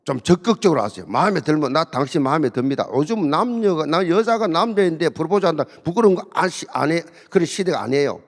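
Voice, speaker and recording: A man's voice: on the high side, animated, quick pace, hardly any pauses. A middle-aged man, preaching an emphatic, humorous sermon with lots of repetition and call-and-response. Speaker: pastor. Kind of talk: sermon at a marriage seminar. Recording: long hall reverb.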